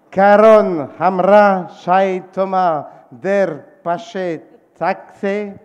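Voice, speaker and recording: A man moderating a formal event, speaking haltingly and searching for his words in a large conference hall. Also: sits high, darkish tone, clean tone. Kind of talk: formal welcome speech.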